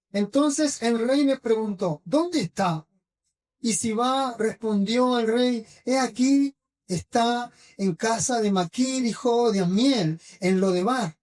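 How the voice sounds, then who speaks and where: Slow-speaking Argentine woman preaching. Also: on the high side, darkish tone. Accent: Rioplatense Spanish. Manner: checks in with the congregation with frequent tag questions; retells scripture slowly, with pauses and fillers. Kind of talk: sermon. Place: church hall. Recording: voice from a distance.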